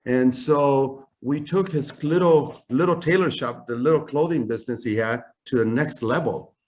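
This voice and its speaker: A man's voice: mid-range voice, moderate pace, a little mellow. A man in his fifties from Chile, a native Spanish speaker, telling his life story in a casual video-call interview, rambling with many fillers and restarts. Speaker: guest, custom clothing company founder.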